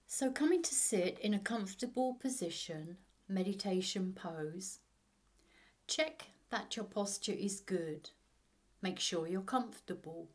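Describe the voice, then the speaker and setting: Woman doing a guided meditation like a sleep story narrator, really slow and hushed, medium pitch, lots of pauses.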